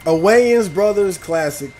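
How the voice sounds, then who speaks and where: A man streaming a video game with loud, profane, reactive outbursts and casual chat. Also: high-pitched, lively intonation, measured pace, a little hiss or hum. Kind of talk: casual gaming stream commentary.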